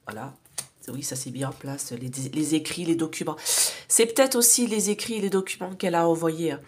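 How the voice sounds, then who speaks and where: A woman's voice: low voice, fairly quick, darkish tone. A woman with a nasal voice giving a casual oracle card reading to viewers, rambling with many fillers and asides, sometimes dropping to a whisper. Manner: rambling, many fillers and tag questions, drops to whispers while drawing cards. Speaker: psychic card reader.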